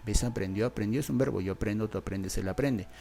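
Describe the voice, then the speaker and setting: A man with a Peruvian Spanish accent teaches a grammar lesson in a low, gravelly voice. He walks through each example patiently and checks in often. Faint music plays underneath. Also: fast, dark tone. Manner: patient, repeats points and asks "¿ves?".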